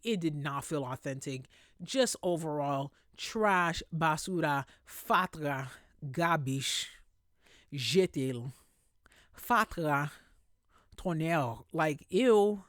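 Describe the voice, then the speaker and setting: Podcast host on a solo rant: heated, emphatic, swears freely, hammers points home, medium pitch, dry sound. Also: no room sound. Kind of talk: casual opinion rant.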